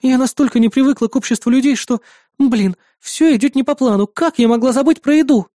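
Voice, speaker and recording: Lady voicing a shy weird young girl, higher pitched, timid and a bit sulky, mellow tone. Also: brisk, no echo, studio quality, lightly acted. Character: shy odd young woman animal lover. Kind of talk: audiobook character voice.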